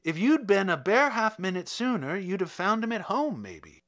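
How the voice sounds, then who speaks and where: A blunt, matter-of-fact old doorkeeper, voiced by a male reader gives short answers. His tone is bright and lively, rising and falling freely. He states things plainly with no fuss. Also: high-pitched, moderate pace, voice pushed up, full character voice.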